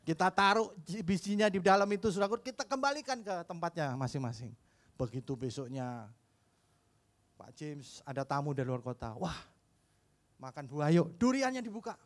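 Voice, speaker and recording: Jokey preacher man, higher voice. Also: expressive, moderate pace. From Indonesia. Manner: jokey storytelling, repeats "saudaraku", swings from soft to loud. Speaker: pastor. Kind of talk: sermon. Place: church hall.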